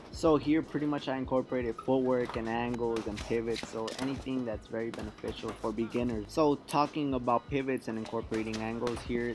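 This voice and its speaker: A man giving a casual, explanatory instructional voice-over as the host of a boxing workout channel, addressing viewers informally. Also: mid-range voice.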